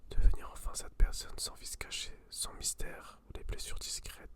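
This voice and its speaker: A person whispering in a hushed library whisper, chatting casually about books and reading aloud in an intimate ASMR style. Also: moderate pace. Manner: informal, slangy. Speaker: host reviewing books.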